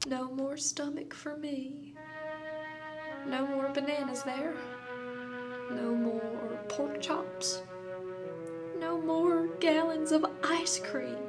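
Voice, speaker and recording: A woman performs a radio play monologue as a dreamy, unsettled, obsessed character, her fairly high voice intimate and confessional. The mood is intense and anguished, she often drops into breathy whispers, and music and sound design play behind her.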